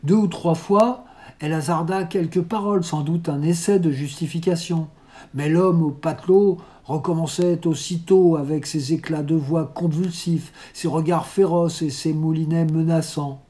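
A reader narrating a classic novel aloud in a measured, unhurried literary reading. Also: medium pitch, steady tone, dark tone. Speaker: audiobook reader.

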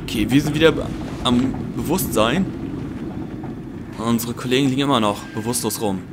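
A man doing excitable game commentary, swearing and talking back to the enemies on screen. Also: mid-range voice, brisk, very noisy. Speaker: let's play gamer. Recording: commentary over loud game sound.

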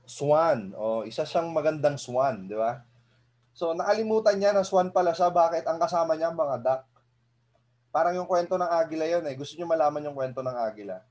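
Male motivational speaker, somewhat high pitch, animated and chatty with the crowd, chuckles often. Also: normal speed. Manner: lively, asks the audience rhetorical questions. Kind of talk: seminar talk to an audience.

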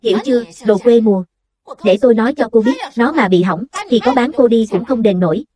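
A woman's voice: a little high, fairly quick, mellow, lightly acted. A woman voicing a harsh, contemptuous woman salon owner who scolds and belittles her new worker, read in a voice-over dub. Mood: scolding.

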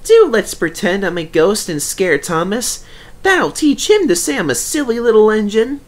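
Cheeky little storybook engine, very high-pitched, shrieking, indignant, swooping wildly. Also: male voice, very animated, normal speed. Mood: mischievous. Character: cheeky, excitable little green male tank engine.

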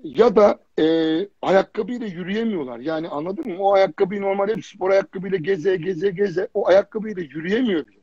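A high-pitched man with a husky voice chats casually on a livestream, telling his stories with blunt slang and lots of repetition. He grew up in Germany and sits on a fitness jury. The sound is dry and dull, like lo-fi stream audio. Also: fairly quick, a little mellow, no echo. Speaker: fitness jury member, guest. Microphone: phone or computer on a live video stream.

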